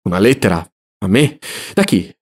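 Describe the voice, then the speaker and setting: A man's voice: fairly low pitch, big pitch swings, normal speed, slightly rough. A man voicing a brooding, poor young student who answers curtly and reluctantly. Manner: curt, reluctant replies.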